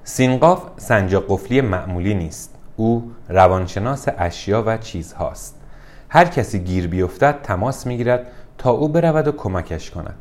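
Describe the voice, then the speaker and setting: A man narrating a children's storybook in a gentle, measured way. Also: fairly low pitch.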